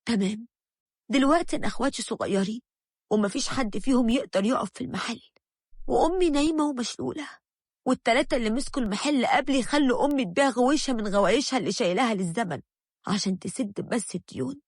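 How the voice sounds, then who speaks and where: A woman's voice: fairly high pitch, quick pace, no echo, clean studio sound. A woman with an Egyptian accent voicing a young working wife who speaks firmly and with hurt in a storybook tale.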